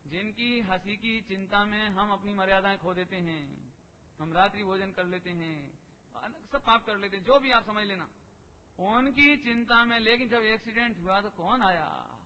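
Man, sermon, high voice, bright tone, repeats key phrases, questions the audience. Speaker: preacher. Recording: long hall reverb, dull lo-fi sound.

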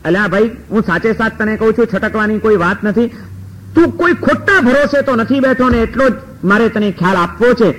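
A storyteller doing a wise old sage, calm and clever, talking in a steady reassuring way. The voice sits high, and the sage stays unhurried even when he talks of life and death in this spoken tale. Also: slight background noise, rough recording.

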